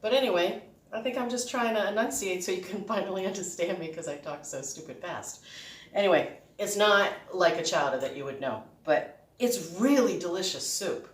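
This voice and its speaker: Casting: woman, Boston accent, lowish voice, chatty rambling home-cook host, recorded in an echoey room. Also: normal speed. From Boston, United States. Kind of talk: casual cooking vlog chat. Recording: echoey room, distant microphone.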